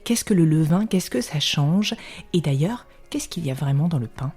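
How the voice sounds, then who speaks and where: A woman hosting a podcast, narrating an intro and asking interview questions in a measured, gently hesitant way. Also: deep voice, lively intonation, slightly rough, faint music behind. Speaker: podcast host.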